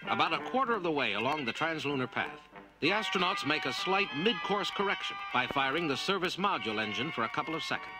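A man narrates a documentary from a dramatic script. His voice is a little high and moves animatedly up and down, with loud music behind him. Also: sing-song, fast, poor audio.

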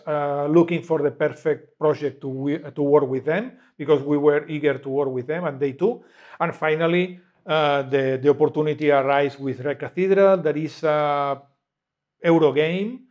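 Man, 40s, publisher guest, halting English, higher pitch. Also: steady tone, a little mellow, highs cut off. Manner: hesitant, many fillers and restarts. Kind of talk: casual interview. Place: cozy room with bookshelves, indoors.

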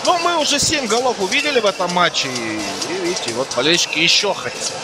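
A man giving live ice hockey commentary in a conversational way, pausing to find words. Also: sits high, lively intonation, over loud music.

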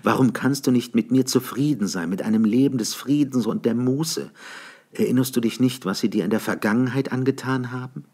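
A man's voice: mid-range voice, brisk, mellow, slightly rough, voice pushed up. A man voicing a grieving female talking mare who pleads with her lover in an audiobook. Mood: tearful. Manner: pleading, tearful.

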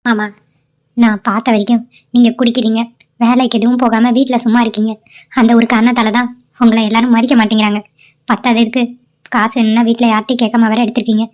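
A caring young woman, voiced by a woman for a cartoon drama, who talks earnestly and gently scolds. Her voice sits a little high, and she. She speaks quickly. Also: lightly acted.

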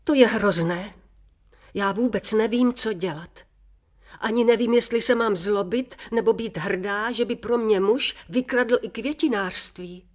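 A woman reading a children's story aloud, voicing anxious, naive young wives, pitched high and excited. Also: close to an everyday voice.

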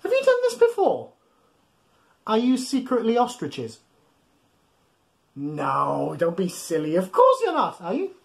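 A man's high-sitting voice carries vocal fry and frequent pauses as he unhurriedly leads an interactive picture-book reading. In his thirties and working as a children's storytime host in a small home room, he talks straight to little listeners, encouraging them with animated, exaggerated acting.

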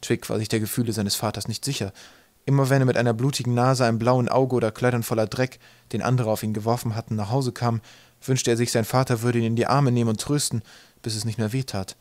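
A man reading an unabridged audiobook in a calm, measured way. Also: mid-range voice, no room sound. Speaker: audiobook narrator.

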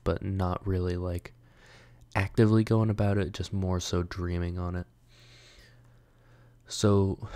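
Slow, low-voiced hesitant young man. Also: a little mellow, dry recording. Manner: hesitant, many ums and pauses. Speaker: channel host. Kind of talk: casual solo talk.

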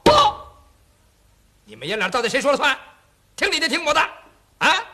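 A villainous military marshal, sarcastic and domineering, swinging between mocking lilts and loud barked commands, as a male storyteller acts him out. The voice is bright and sharp, with a husky edge. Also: sits high, lively intonation, unhurried, exaggerated voice. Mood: mocking commanding. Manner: sarcastic, barking orders.

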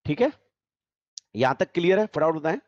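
A man's voice: on the high side, big pitch swings, a little fast, no echo, lo-fi sound. A male teacher giving an online tax class, explaining step by step and repeating the key points. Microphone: video call.

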